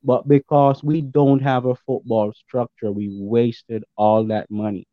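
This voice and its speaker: A man's voice: mid-range voice, level tone, measured pace, dry recording, phone-quality sound. A man speaking as a podcast guest in casual, opinionated football chat, emphatic and repeating his points. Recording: thin, band-limited remote call sound.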